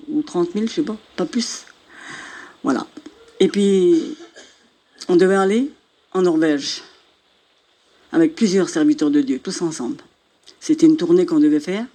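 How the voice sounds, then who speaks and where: Older woman telling an animated testimony. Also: low-pitched. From northern France. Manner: animated storyteller, acting out dialogue. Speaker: church testimony speaker. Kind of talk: spoken religious testimony.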